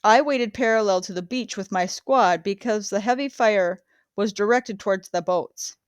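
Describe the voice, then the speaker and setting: A woman's voice: medium pitch, normal speed, clean tone, dry recording, natural voice. A woman reading the words of a male soldier plainly recounting a beach landing under fire. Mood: grim.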